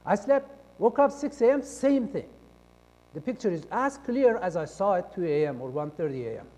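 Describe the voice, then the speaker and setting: Casting: man from Iran, high voice, telling his testimony, acting out the dialogue, loud one moment and hushed the next. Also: animated, moderate pace. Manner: acts out quoted dialogue, shifting between loud and hushed. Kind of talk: personal testimony storytelling. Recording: long reverb of a large hall.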